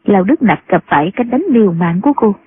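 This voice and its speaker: A woman narrating a martial-arts novel in a steady storytelling voice. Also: mid-range voice, fast, a little hiss or hum. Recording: tinny phone-like sound with loud music.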